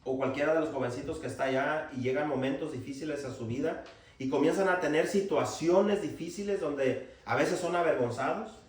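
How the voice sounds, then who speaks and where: A man preaching a sermon to young people as their pastor, emphatic and full of rhetorical questions. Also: on the high side. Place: church hall. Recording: very echoey church hall from far off.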